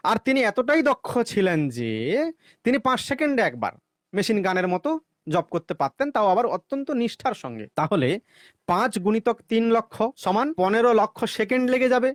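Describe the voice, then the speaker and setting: Sarcastic male commentator, animated and high-pitched, working through numbers. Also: no echo, studio quality. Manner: sarcastic, chants the mantra mid-argument. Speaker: religious commentator. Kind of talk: explanatory monologue with arithmetic.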